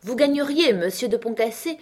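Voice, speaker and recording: Woman doing witty male surgeon, cool mocking tone, raised and fairly loud. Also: on the high side, lively intonation, normal speed, breathy edge, pitched above the performer's own voice. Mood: dry mocking.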